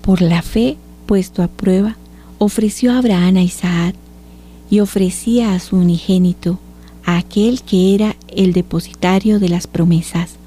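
A woman announcing scripture readings and reciting responses in a calm liturgical manner. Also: fairly low pitch, a little slow, a little hiss or hum. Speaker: liturgical reader.

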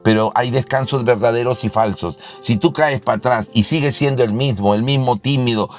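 A man's voice: mid-range voice, brisk. Fervent male preacher, faint music. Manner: fervent, rising to loud exclamations. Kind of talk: sermon.

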